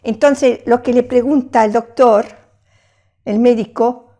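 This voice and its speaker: An older woman teaching French phrases in a lesson, patiently repeating each phrase slowly. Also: fairly high pitch, steady tone, dark tone. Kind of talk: language lesson.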